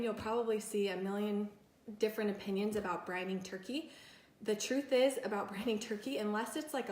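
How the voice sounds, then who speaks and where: A woman's voice: medium pitch, reverberant. A woman food blogger giving a casual cooking tutorial in her home kitchen, talking chattily while she works with her hands.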